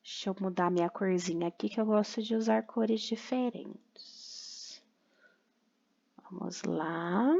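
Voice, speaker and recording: A woman's voice: mid-range voice, slow, gravelly, a little mellow, highs cut off. A young woman teacher with a Brazilian Portuguese accent, patiently sounding out syllables for young children in a recorded remote class. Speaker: primary school teacher.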